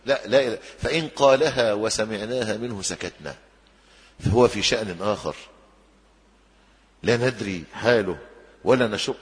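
A man preaching a sermon in Egyptian Arabic, lively, with loud emphatic peaks and quiet drops, acting out the people he quotes. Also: mid-range voice. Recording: long hall reverb.

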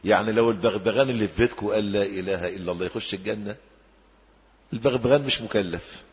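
A man preaching a sermon in Egyptian Arabic, lively, with loud emphatic peaks and quiet drops, acting out the people he quotes. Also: lowish voice, fast. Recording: long hall reverb.

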